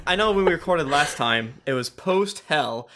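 A woman's voice: deep voice, lively intonation, moderate pace, very noisy. A woman talking casually as a player in a tabletop game. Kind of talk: casual banter.

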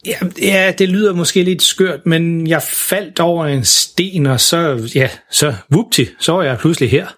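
A man's voice: a little high, a bit bright, pitched above the performer's own voice. A man voicing a bewildered young girl lost in the snow, talking in a hesitant, stammering way. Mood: flustered.

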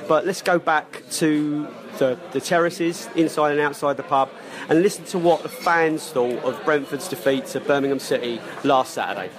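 A man's voice: fairly high pitch, moderate pace. A man with a wheezy, chesty voice from a cough, hosting a casual podcast. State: lingering cough from a cold. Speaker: podcast host. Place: busy pub. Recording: lively pub chatter behind.

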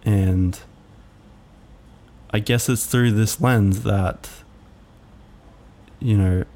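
A man hosting a reflective solo podcast, musing aloud in a halting way with many fillers. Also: on the low side, steady tone, warm tone. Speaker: podcast host.

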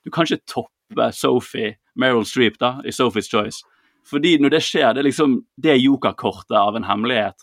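A man co-hosting a podcast, retelling a film in a lively, casual way, acting out quotes and swearing freely. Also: medium pitch, no room sound, clean studio sound. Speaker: podcast co-host.

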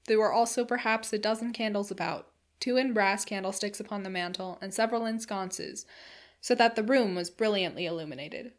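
A woman's voice: mid-range voice, fairly quick. Woman reading a classic novel aloud. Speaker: audiobook reader. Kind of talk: scripted story narration.

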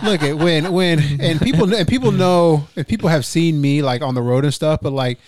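A young man in relaxed, casual podcast chat, swearing freely and restarting his sentences. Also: a little high, moderate pace, over a noisy crowd. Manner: laid-back, swears casually, trails into restarts.

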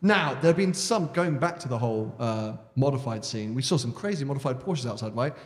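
A man's voice: mid-range voice, lively intonation, fairly quick. A British man chatting as the host of a live audience Q and A on stage. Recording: echoey hall, PA microphone.

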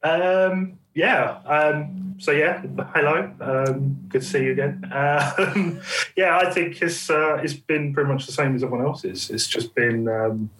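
A man's voice: on the high side, unhurried, fairly bright tone, distant mic. Roomy-sounding laid-back Essex man. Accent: Essex English. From Essex, England. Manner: laid-back, self-deprecating. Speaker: podcast guest. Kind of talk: casual interview chat. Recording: roomy, off-mic remote recording.

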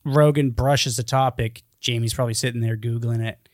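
A man's voice: mid-range voice, fairly even intonation, normal speed, dry recording, studio quality. A young man co-hosting a podcast in casual chat, rambling and swearing with lots of fillers. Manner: rambling, profane, full of fillers. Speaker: podcast co-host.

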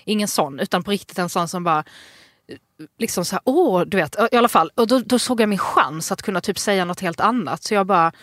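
A woman's voice: medium pitch, dry recording, clean studio sound. A young adult woman, a podcast co-host, telling comic stories in casual chat and acting out the people in them. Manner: animated storyteller acting out quotes.

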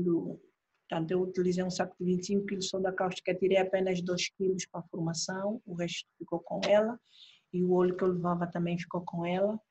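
A woman with an Angolan Portuguese accent, an interview guest and trainer, telling an emotional story with lively quoted dialogue. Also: fairly low pitch, breathy edge.

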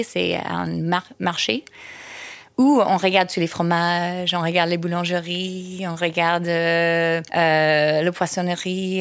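A woman's voice: on the low side, dry recording. A woman teacher answering interview questions, hesitant with many fillers.

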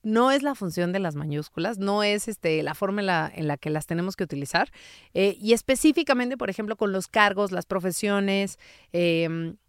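A woman's voice: mid-range voice, animated, normal speed, clear, resonant tone, no echo, clean studio sound. A woman explaining spelling rules in a casual, patient, teacherly way, full of everyday examples. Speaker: spelling and grammar expert guest.

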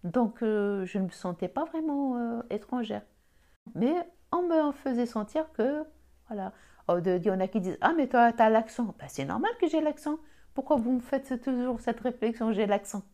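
Algerian-accented woman with a mellow voice. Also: fairly high pitch, expressive, normal speed. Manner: hesitant, many restarts, firm when making a point. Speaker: podcast guest, host's mother. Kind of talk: personal interview recollection.

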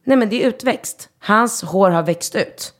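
A woman in her thirties from Sweden, co-hosting a casual chat and telling stories with animated, loud acted-out quotes. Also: medium pitch. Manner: lively storyteller, acts out quotes loudly. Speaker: podcast co-host.

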